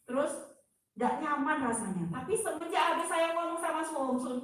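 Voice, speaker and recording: Woman speaker, higher voice, heartfelt church testimony, booming hall sound from a distance. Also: lively intonation, brisk. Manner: emotional, swings from hushed to loud. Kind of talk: emotional sermon testimony. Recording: very echoey hall, voice from far off.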